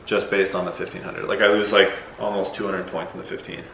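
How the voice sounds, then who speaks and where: A young man, a vlogger and decathlete, hosts a casual Q&A chat, talking fast in a loose, hesitant way full of fillers. His voice is low and level with vocal fry and a fairly bright tone. The recording is echoey with faint noise.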